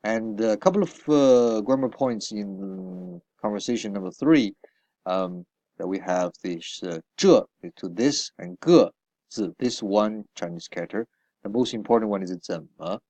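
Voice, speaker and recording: A man's voice: fairly low pitch, measured pace, mellow, dry recording. A man teaching a beginner Chinese lesson, explaining patiently and checking in often with "right?" and filler sounds.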